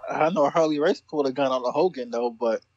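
A man co-hosting a podcast, in animated, profane casual chat with quick reactions. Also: mid-range voice, dry recording, lo-fi sound. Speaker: podcast co-host.

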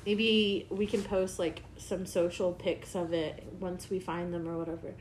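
A woman's voice: fairly low pitch, little pitch movement, a little slow. A woman co-hosting a podcast in loose casual chat. She rambles through her points with filler words and swears now and then. A faint hiss runs under the recording. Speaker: podcast co-host.

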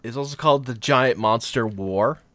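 A man co-hosting a casual chat about films, talking animatedly and jumping into excited mock voices. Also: medium pitch, normal speed, no echo. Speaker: podcast co-host.

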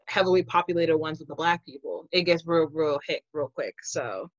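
A woman's voice: deep voice, normal speed, no room sound, highs cut off. A young woman with a Maryland accent, co-hosting a podcast in casual chat, playful and teasing with lots of slang. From Maryland, USA. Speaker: podcast co-host.

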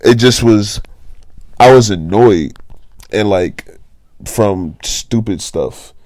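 A man co-hosting a podcast, telling stories in a relaxed, rambling way with lots of fillers. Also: fairly low pitch, takes it slowly, no room sound. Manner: laid-back, rambling storytelling with lots of fillers. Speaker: podcast co-host. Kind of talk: casual chat.

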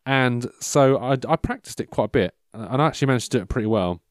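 A man in his thirties rambles through a casual monologue at a fast clip, his mid-range voice full of lively intonation. He keeps interrupting himself and losing his thread, all with a dry, self-mocking humour. There's no room sound.

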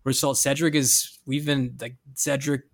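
An easygoing man on a football podcast, speaking at a middle pitch in loose, slangy conversation. He agrees readily and talks his views out casually. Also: level tone, normal speed. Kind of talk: casual sports chat.

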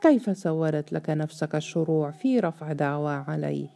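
A woman voicing a furious, contemptuous male estate overseer who shouts insults and interrogates sharply. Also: deep voice, normal speed, creaky, soft background music. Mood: enraged.

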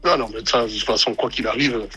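A man's voice: medium pitch, fast talker, pushed and bright, husky, soft background music. A man in casual chat, talking emphatically and repeating his phrases. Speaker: podcast co-host.

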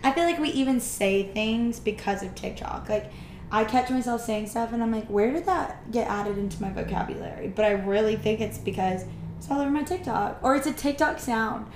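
Animated young woman, highish voice, chatting on the couch, kinda echoey. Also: brisk, slight background noise. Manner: animated, gasping and laughing. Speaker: podcast co-host. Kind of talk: casual chat. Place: apartment couch.

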